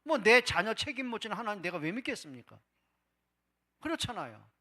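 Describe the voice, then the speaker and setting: A male pastor preaching a Sunday sermon, asking rhetorical questions and voicing people's doubts, swinging between loud and hushed. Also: high voice, sing-song, fairly quick. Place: church service.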